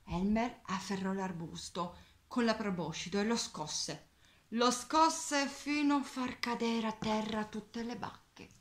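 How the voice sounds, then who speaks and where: Slow, expressive woman storyteller. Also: a little high. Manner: slow, expressive, drops to a whisper on key words. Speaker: children's storyteller. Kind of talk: reading a picture book aloud.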